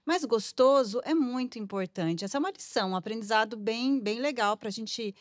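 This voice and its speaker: A woman co-hosting a podcast interview, telling stories in an animated, chatty way. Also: fairly high pitch, normal speed, no room sound, studio quality. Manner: animated storytelling. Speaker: podcast co-host. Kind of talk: casual interview chat.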